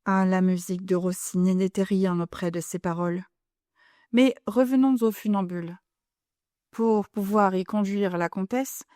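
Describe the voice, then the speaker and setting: A woman narrating an audiobook in a measured, composed voice with a mellow, darker tone. The recording is dry and close to the mic, with no room sound. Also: mid-range voice, clear, resonant tone, dry recording. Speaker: audiobook reader. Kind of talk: audiobook narration of a classic novel.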